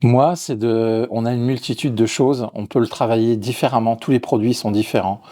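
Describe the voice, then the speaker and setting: A middle-aged chef and restaurant owner from Lyon, France answers interview questions in a medium-pitched, fairly even voice at normal speed. He's hesitant, often restarting and repeating words, but he speaks warmly about his work.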